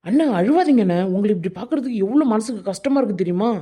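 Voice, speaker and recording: A man's voice: high-pitched, animated, fast talker, dark tone, husky. A man voicing an eager, loyal young male sidekick in a cartoon, talking in a respectful, pleading way. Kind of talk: Tamil cartoon voice acting.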